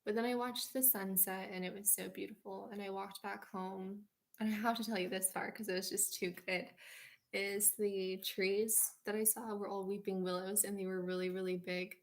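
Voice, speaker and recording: A woman's voice: medium pitch, steady tone, normal speed. American woman vlogger, drowsy, dreamy, rambling storyteller. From United States. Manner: dreamy, meandering, many fillers and "like". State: sleepy.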